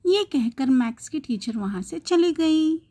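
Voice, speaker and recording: A woman's voice: high-pitched, lively intonation, unhurried, warm tone. A woman narrating a scripted children's doll-show story in a simple storybook manner.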